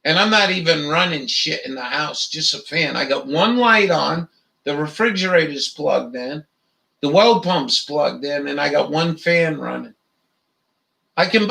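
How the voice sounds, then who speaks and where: A man's voice: a little high, moderate pace, gravelly, bright, forceful tone. A man hosting a livestream, ranting in a heated, profane, rambling way with many fillers. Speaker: livestream host. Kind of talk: angry profane rant.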